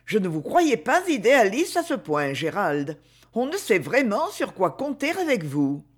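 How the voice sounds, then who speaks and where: A man's voice: sits high, wildly swooping pitch, unhurried, voice pushed up, heavily acted. A man reading aloud raises his voice to play a haughty young noblewoman who speaks in a mocking way. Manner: mocking, sharp.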